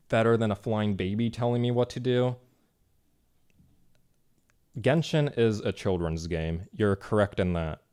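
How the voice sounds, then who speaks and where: A man's voice: fairly low pitch, darkish tone, clean tone. A man streamer giving a casual, rambling, sarcastic rant about a game.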